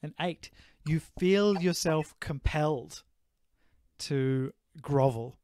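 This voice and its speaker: Man, game master, slow and hesitant, dry home mic sound. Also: fairly high pitch, darkish tone, no room sound. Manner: hesitant, halting with many fillers. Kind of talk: running a tabletop game over a call. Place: home bedroom. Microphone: home remote-call mic.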